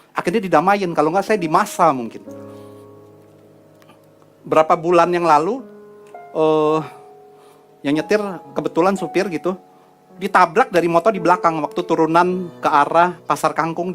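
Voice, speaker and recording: Middle-aged preacher, storytelling sermon, slightly high voice, soft music underneath. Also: male voice. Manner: chatty storytelling with asides to the congregation. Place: church hall.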